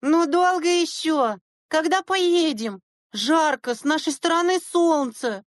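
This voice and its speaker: A woman's voice: medium pitch, expressive, moderate pace, breathy edge, no echo, studio quality. A woman doing whiny, sneering teenage girls. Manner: sneering, whining. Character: mocking, whiny teenage schoolgirls. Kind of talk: audiobook character reading.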